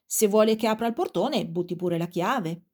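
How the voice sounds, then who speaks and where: Pedantic quarrelsome little man, loud, shouting upward, mellow tone, as a woman reads him. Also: medium pitch, expressive, normal speed, lightly acted. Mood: matter-of-fact.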